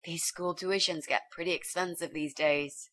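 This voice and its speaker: A woman's voice: on the low side, fairly even intonation, normal speed, fairly bright tone, lightly acted. Woman voicing a breezy, scheming young student. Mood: chirpy. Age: young adult. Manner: breezy, confident and talkative. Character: young female student, bold, chatty schemer. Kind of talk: video game voice acting.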